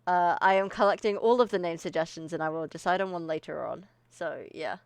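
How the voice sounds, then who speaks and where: A woman's voice: fairly low pitch, a little fast, creaky, clean tone, no room sound. A woman streamer chatting casually to her live audience, a little out of breath, rambling and often laughing. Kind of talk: casual livestream chat.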